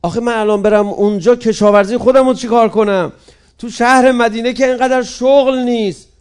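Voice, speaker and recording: A male preacher voicing a reluctant village farmer who pleads with excuses in a high, whiny voice. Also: fairly even intonation, darkish tone, clear, resonant tone. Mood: pleading.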